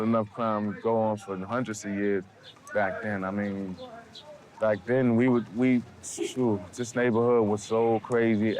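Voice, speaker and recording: A man, answering documentary interview questions in a halting way and often repeating words. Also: fairly low pitch, darkish tone. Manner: halting, repeats words while searching for them. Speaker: interviewee, local resident.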